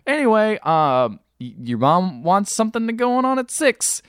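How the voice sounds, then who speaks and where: A man co-hosting a casual podcast, recapping a film in an animated, exasperated way. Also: high-pitched, moderate pace, clear, resonant tone, dry recording, clean studio sound. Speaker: podcast co-host.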